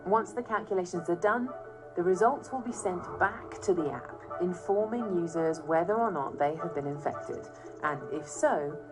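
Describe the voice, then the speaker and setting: A woman with a British accent presenting and narrating a documentary in a clear, measured, explanatory way. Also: on the low side, rough recording. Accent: British English. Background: documentary music.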